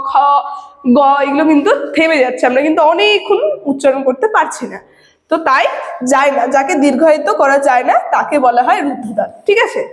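A woman teacher explaining a lesson to her students, checking in often and asking questions she then answers herself. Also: high-pitched. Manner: repeats "ঠিক আছে" and asks rhetorical questions. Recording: echoey room with long reverb.

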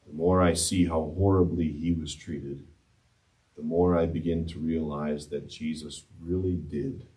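Standing at the altar of a mid-sized church, a male pastor in his thirties preaches with broad gestures, his low-sitting voice alternating between fervent loud surges and quiet murmurs. A far-off camera without a handheld microphone records him from a distance.

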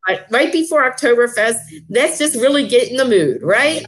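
A woman with a fairly high, animated voice speaks at a moderate pace as an association president hosting a casual chat about upcoming member events. She is enthusiastic and repeats herself, with many fillers and restarts.

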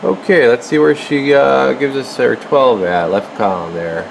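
Medium in pitch and gravelly, the man keeps a measured pace while muttering casually through a hands-on demo. He's a radio repair technician and video host filming at his electronics bench indoors, the handheld camera behind the lens catching a room full of steady equipment hum.

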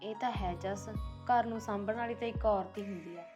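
A woman's voice: mid-range voice, brisk, close to an everyday voice. An actress with a Punjabi accent playing a caring young newlywed wife who reassures her husband. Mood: reassuring. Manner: soothing and reassuring. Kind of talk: village family drama acting. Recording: background music.

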